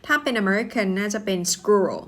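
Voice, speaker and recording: A woman with a Thai accent teaching English pronunciation, playfully acting out wrong guesses and then saying each word slowly. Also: medium pitch, fairly bright tone. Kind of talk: pronunciation lesson.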